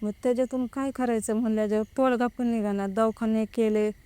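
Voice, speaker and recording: A woman's voice: fairly high pitch, steady tone, brisk, dark tone, clear, resonant tone, dry recording. A young woman, recounting her own experience in casual speech and quoting the people involved. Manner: retells with many quoted exchanges. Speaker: guest telling her experience. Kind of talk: casual spoken account.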